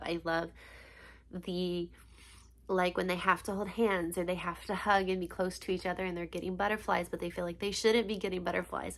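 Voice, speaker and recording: A young book vlogger chats casually about books she read, gushing with many ums and likes while sounding congested and sniffly. Her voice is fairly low and fairly bright, with vocal fry.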